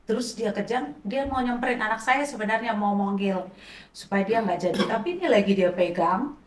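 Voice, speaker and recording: A woman's voice: mid-range voice, brisk. A middle-aged woman, a pastor's wife, giving an emotional personal testimony in a conversational way. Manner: conversational, acts out quoted dialogue. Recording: roomy, distant mic, faint noise.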